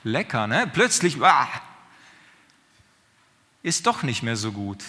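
In a pushed, bright, sing-song voice of middle pitch, a preacher talks to his congregation conversationally, posing questions and checking in often. Long pauses punctuate his sermon, which echoes with a hall's lengthy reverb.

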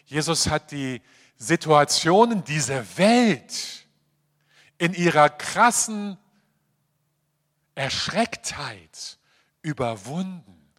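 A male preacher with a fairly high voice and an unhurried delivery. He speaks in a sermon style, acting out quoted voices and moving between emphatic passages and quiet, confiding asides. The sound carries a long reverb from a large church space. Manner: animated, acts out quoted voices.

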